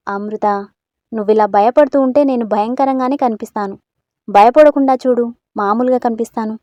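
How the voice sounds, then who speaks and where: A woman voicing a gentle, protective female ghost who talks softly and patiently in a storybook. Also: on the high side, normal speed, no echo, lightly acted. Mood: reassuring. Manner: soft, reassuring, patient.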